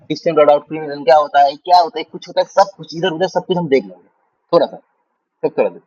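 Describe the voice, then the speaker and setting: A man's voice: a little high, quick pace, a little mellow, dry recording. A young man teaching a casual online programming class, chatty and full of fillers, often checking in with his students. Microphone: computer mic on a video call. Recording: slightly dull, dry online-call audio.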